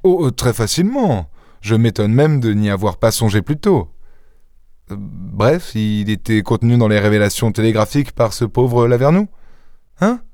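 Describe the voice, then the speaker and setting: A man reading an audiobook voices a boastful, witty gentleman thief with theatrical exclamations. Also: fairly low pitch, lively intonation, normal speed, dry recording, clean studio sound. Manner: theatrical, exclaiming, mock-indignant.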